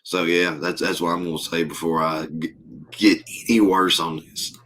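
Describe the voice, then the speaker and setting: A hoarse man, his voice sitting very low. He co-hosts a casual sports talk show, reading stats haltingly with plenty of ums and uhs. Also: little pitch movement, fairly bright tone, slight background noise. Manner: halting, reads stats with many fillers. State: losing his voice. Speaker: podcast co-host.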